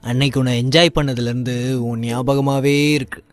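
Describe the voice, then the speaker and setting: A man's voice: mid-range voice, fairly even intonation, moderate pace, close to an everyday voice. A man voicing a sneering young villain who taunts and threatens in a mocking tone. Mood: taunting, menacing.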